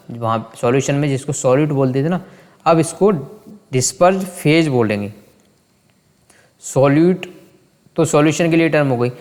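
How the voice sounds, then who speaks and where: A man's voice: on the high side, a little mellow. Man teaching in a reverberant room. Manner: poses quick questions and answers them himself; corrects himself mid-sentence. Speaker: science teacher. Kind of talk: lesson explained to students.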